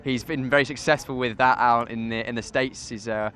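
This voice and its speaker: Quick analytical race commentator man. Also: medium pitch, a little hiss or hum. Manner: relaxed, analytical. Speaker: race commentator and former driver.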